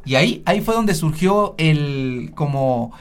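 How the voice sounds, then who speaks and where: A Mexican man speaking in a slightly high register. He tells stories from his work as a doctor with a dry, sarcastic humor, talking loosely to a panel. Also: lively intonation, unhurried, smooth, faint music behind. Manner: sarcastic, joking storyteller. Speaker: doctor and social media health creator. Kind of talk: panel talk, personal storytelling.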